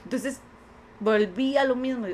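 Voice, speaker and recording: A higher-pitched woman with a Costa Rican accent speaks earnestly, recounting her own story in a relaxed conversation. She slips into the voices of the people she quotes, and a faint hiss sits under her voice. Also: measured pace. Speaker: podcast guest. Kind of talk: personal testimony in conversation.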